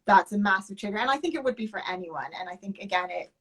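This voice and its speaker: A woman's voice: medium pitch, animated, quick pace, fairly bright tone. A woman hosting an interview, asking questions hesitantly with many fillers and restarts. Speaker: podcast host. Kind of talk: interview conversation.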